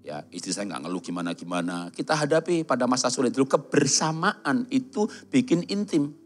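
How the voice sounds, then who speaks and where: A man's voice: medium pitch, big pitch swings, fairly quick, soft background music. A middle-aged man with a voice, preaching a sermon in a church, telling stories and jokes and acting out the quoted voices. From Java. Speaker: pastor. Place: large church hall.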